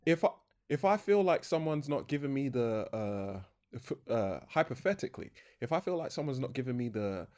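A man's voice: mid-range voice, expressive, normal speed, a little mellow. A young man hosting a podcast, chatting casually, rambling and correcting himself, laughing often. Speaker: podcast host. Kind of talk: casual chat.

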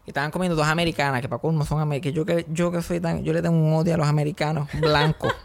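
A man with a Puerto Rican accent telling funny stories in casual podcast chat. He is animated and jokes a lot. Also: on the high side, fast talker, vocal fry. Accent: Puerto Rican Spanish. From Puerto Rico. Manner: animated, joking, acts out quotes.

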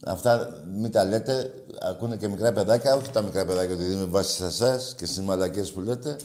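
Low-voiced guy hosting a call-in show, ribbing callers with crude jokes, roomy echo on him. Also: a little mellow. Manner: teasing and crude, mocks callers. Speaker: radio call-in host. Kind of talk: casual call-in banter.

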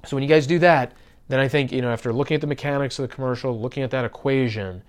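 A man's voice: mid-range voice, very fast. A man hosting a podcast, talking casually about marketing to his listeners, with many fillers and restarts. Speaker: podcast host.

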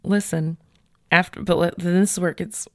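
A woman hosting a podcast, retelling a case in a chatty, animated way with many fillers. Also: lowish voice, a little fast, no echo, studio quality. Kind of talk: casual storytelling chat.

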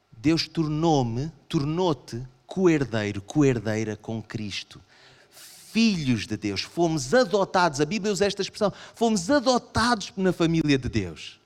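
A man with a European Portuguese accent preaching a sermon to a congregation, animated and acting out his listeners' objections. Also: unhurried. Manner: animated, acts out voices of the congregation in raised pitch. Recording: long hall reverb.

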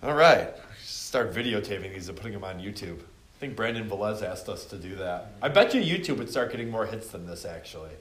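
This middle-aged male teacher has a lowish, fairly bright voice and is very animated and brisk. He jokes through a casual review quiz, calling students by name; the echoey classroom recording carries faint noise.

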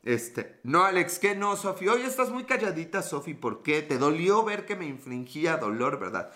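A man's voice: a little high, big pitch swings, moderate pace, bright, forceful tone. A man with a Mexican accent, live streaming and chatting casually with viewers, greeting them and answering their comments in slangy, profane talk.

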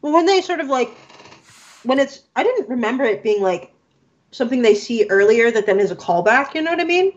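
A woman in casual podcast chat about a film, animated and laughing, acting out quotes with casual swearing. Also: a little high, fairly quick. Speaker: podcast co-host. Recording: muffled lo-fi sound.

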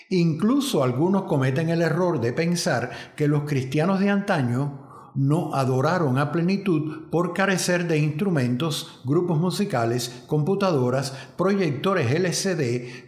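A man from Cuba, a pastor giving a measured, reflective radio devotional sermon. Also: a little high, a little mellow, reverberant.

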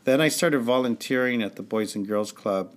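A man's voice: mid-range voice, normal speed, clear, resonant tone. A man from California, a music teacher, talking enthusiastically in a casual conversation and often restarting his sentences.

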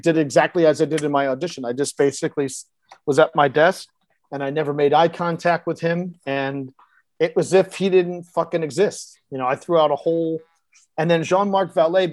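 Animated storytelling actor, dry close sound. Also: male voice, on the high side, no room sound. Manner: vivid anecdote-teller who acts out quoted dialogue in shifting voices; casual and blunt, with occasional swearing. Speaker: actor guest. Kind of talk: storytelling in a podcast interview.

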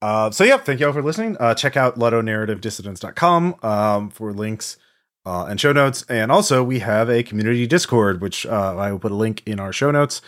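A man's voice: lowish voice, lively intonation, brisk, fairly bright tone. A man hosting a tabletop game podcast in casual chat, hesitant with many fillers as he wraps up the episode. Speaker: podcast host.

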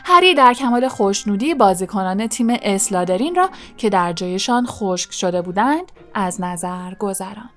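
A woman reading a storybook audiobook aloud in a measured way, often dropping to a hush. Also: mid-range voice, animated, faint music behind. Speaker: audiobook narrator. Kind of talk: scripted storybook narration.

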